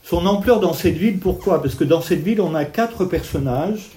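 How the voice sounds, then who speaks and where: His voice is high and warm, with lively intonation and a moderate pace. A man of Italian descent, he lectures on art history at an evening talk, explaining paintings step by step, pointing out details and gesturing as he speaks.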